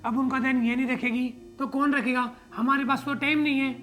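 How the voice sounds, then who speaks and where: Guy doing a defensive husband, talks fast, pretty high voice. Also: steady tone, pushed and bright, a little hiss or hum. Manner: quick, reasoning, defensive. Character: husband on a modest salary, defensive and practical.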